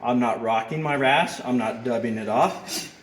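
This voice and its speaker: Bent over a hoof, a middle-aged man patiently teaches a hands-on farrier trimming demonstration at a moderate pace. His ordinary-pitched voice echoes through a roomy barn with a concrete floor, and a faint hiss lingers beneath the recording.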